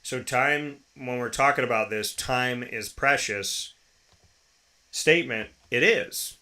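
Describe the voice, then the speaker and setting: Slowly and emphatically, an American man in his thirties hosts a show with a motivational monologue about his own life. His medium-pitched voice sounds pushed and bright, and he keeps repeating phrases and throwing out rhetorical questions.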